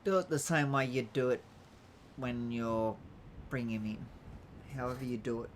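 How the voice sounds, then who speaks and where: A man's voice: medium pitch, normal speed. A man playing a senior officer in an online roleplay, giving casual, hesitant instructions to a trainee. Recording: faintly noisy game voice chat.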